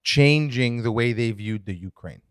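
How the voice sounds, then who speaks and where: A man co-hosting a casual podcast chat, explaining current events in an animated, swinging way. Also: mid-range voice, measured pace, clear, resonant tone, dry recording, studio quality. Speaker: podcast co-host.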